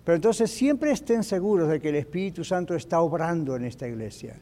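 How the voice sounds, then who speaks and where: A male pastor preaching an animated teaching sermon in church, dropping in English phrases. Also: fairly high pitch, fairly quick. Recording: echoey church hall.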